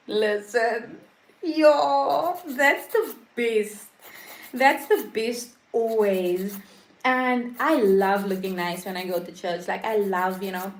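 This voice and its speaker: Woman livestream host, unhurried and emphatic, repeats phrases, drops soft then jumps high. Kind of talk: casual faith talk on a livestream.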